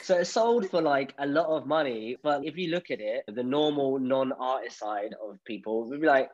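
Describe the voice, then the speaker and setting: A man's voice: mid-range voice, normal speed, a little mellow. A young man hosting a podcast, chatting casually with lots of fillers. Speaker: podcast host. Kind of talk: casual interview chat. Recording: slightly dull lo-fi audio.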